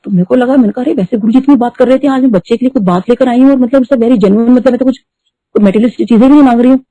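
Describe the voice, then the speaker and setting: A middle-aged woman telling a devotional story at a satsang, talking fast and mixing in English words. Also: fairly high pitch, dry recording. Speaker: devotee sharing testimony. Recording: dull lo-fi dry recording.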